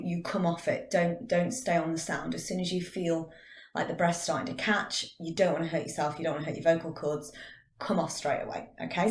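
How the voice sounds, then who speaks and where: A woman drama teacher guides a vocal warm-up, calmly counting out the breaths. Her voice sits a little low and carries an echo from the room around her. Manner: calm, counting out breathing exercises. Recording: echoey room.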